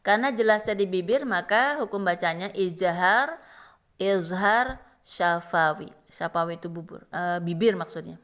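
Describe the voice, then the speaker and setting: A woman's voice: fairly low pitch, normal speed, a bit bright. A woman giving a recitation lesson, explaining rules patiently and chanting verse examples. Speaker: Quran recitation teacher.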